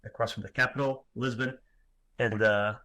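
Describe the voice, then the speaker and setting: A Portuguese graphic designer in his thirties gives an online lecture in English with a Portuguese accent, halting and self-deprecating, full of fillers and restarts. His mid-range voice has fairly even intonation and a bright, forceful tone, though the audio is poor.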